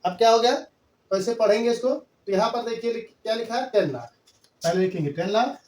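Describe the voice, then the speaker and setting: A man with an extremely high-pitched yet darkish voice teaches a maths lesson briskly, mixing Hindi and English. He patiently counts place values aloud step by step, repeating as he goes, in an echoey room with his voice coming from far off.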